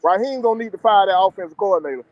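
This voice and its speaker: Man, high pitch, emphatic, casual chat, dull lo-fi audio. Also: expressive, very fast. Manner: firm, emphatic. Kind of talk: casual live watch party chat.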